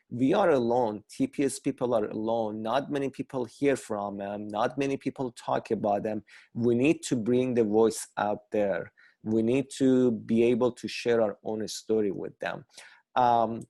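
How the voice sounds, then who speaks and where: A man directing a theater project, speaking earnestly with halting phrasing in an online workshop over a video call. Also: mid-range voice, warm tone.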